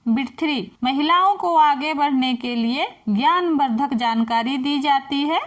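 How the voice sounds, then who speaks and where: Slow high-voiced woman teacher. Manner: slow, deliberate dictation of each answer. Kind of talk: reading out textbook answers.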